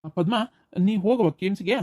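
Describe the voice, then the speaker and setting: A woman's voice: mid-range voice, fairly quick, dark tone, no echo, clean studio sound, natural voice. A woman with a North Karnataka Kannada accent, playing an evasive middle-aged village husband who keeps making excuses. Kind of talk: village family drama acting.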